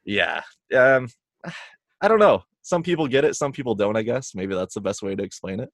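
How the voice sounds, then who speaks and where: A man's voice: mid-range voice, animated, moderate pace, fairly bright tone, dry recording, clean studio sound. A young man, chatting as a guest with lots of ums and uhs. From Canada. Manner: hesitant, many fillers. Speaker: guest podcaster. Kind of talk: casual interview chat.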